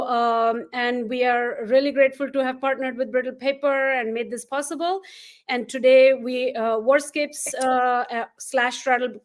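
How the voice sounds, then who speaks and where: A woman hosting a live-streamed online event, speaking with enthusiasm and many "uh" fillers over a video call. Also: fairly high pitch. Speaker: event host.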